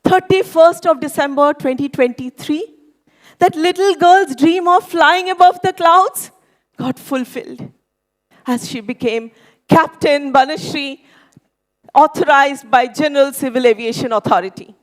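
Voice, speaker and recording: A woman with a notably high voice delivers a motivational contest speech. She speaks slowly, in a theatrical way that sounds memorized, leaving deliberate pauses between phrases. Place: school hall speech contest stage.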